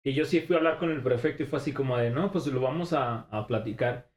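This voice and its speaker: A man's voice: mid-range voice, quick pace, a little mellow, echoey room. A young man with a Mexican Spanish accent telling a story in casual chat, full of slang, laughing often and acting out the voices of the people in it.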